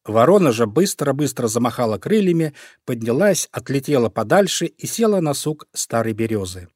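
Calm male storybook narrator, dry sound. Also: mid-range voice, normal speed, no room sound. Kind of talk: storybook reading.

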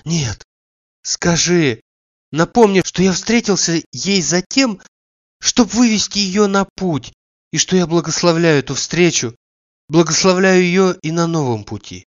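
A man reading aloud and voicing an emotional, timid gentleman who pleads and bursts out with feeling, on a dull, dry recording. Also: high voice, unhurried, dry recording, voice pushed up. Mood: elated. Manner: excitable, pleading, swinging between fear and joy.

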